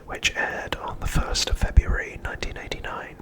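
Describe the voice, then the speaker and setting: Using a hushed, measured delivery, a male ASMR host whispers a scripted recap in a breathy, voiceless way.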